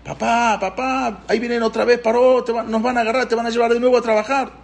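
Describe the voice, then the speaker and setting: A man voicing frightened little children calling to their father in a high, childlike voice. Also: flat delivery, fast talker, vocal fry.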